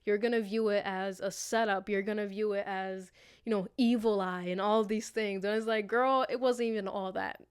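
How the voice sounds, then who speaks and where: In clean studio sound without room noise, a podcast host speaks in a medium-pitched, clean voice with fairly even intonation and moderate speed. Her motivational monologue is informal and self-reflective, full of slang and casual cursing, and she talks warmly right to her listeners.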